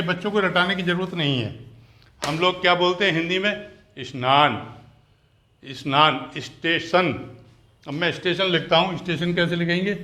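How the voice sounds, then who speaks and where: A man with a bright, fairly high voice teaches letter sounds to parents. He explains step by step, asks many questions, and repeats and stretches out words to show how each sound goes. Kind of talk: phonics lesson for parents.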